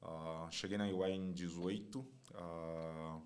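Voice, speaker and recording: A man's voice: deep voice, steady tone, slow pace, darkish tone. A man in his forties from Taiwan, a consulting partner telling his career story as a podcast guest, often tagging his sentences with "né?". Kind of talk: relaxed interview conversation.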